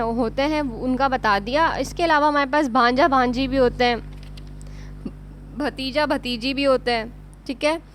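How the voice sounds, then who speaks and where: A woman with a Pakistani Urdu accent gives a beginner English lesson in a high voice, taking it slowly. She repeats each word patiently and spells it out letter by letter. A faint hum runs under the recording. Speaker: English teacher.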